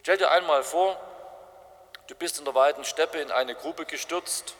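A man's voice: a little high, a little slow, a bit bright. A man preaching an evangelistic sermon, telling stories with strong emphasis. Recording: long reverb of a large hall.

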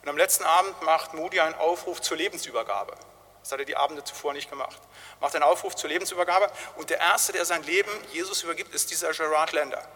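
A man's voice: a little high, fast, pushed and bright. A man preaching a sermon, telling a story in a casual, conversational way and often tagging his sentences with little questions. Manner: storytelling, conversational with frequent "halt, nicht?" tags. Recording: long hall reverb.

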